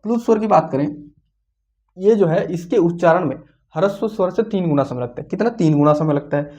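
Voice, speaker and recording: A teacher giving an online exam-prep lesson, who asks questions and answers them, repeats key points, and slowly sounds out each vowel. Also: mid-range voice, expressive, warm tone. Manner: slows down to say the vowel sounds out clearly. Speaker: Hindi grammar teacher.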